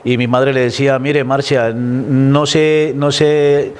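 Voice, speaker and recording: A man's voice: mid-range voice, flat delivery, takes it slowly, darkish tone, clean tone. A man from Colombia with a Colombian accent, a guest giving an emotional, reflective personal testimony in an interview. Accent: Colombian Spanish. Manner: emotional, reflective storytelling with many restarts.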